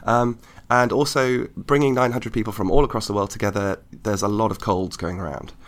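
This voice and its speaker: A man with a croaky voice, hoarse from lots of talking, co-hosting a casual podcast chat. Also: fairly low pitch, fairly even intonation, a little fast. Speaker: podcast co-host, astrobiologist.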